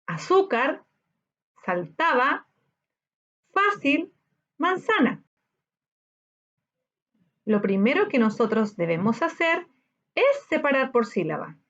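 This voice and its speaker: A woman teacher with a Chilean Spanish accent, giving a recorded lesson and sounding out syllables slowly. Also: high-pitched, big pitch swings, a bit bright, lo-fi sound. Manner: slow, sounds out syllables in a drawn-out voice.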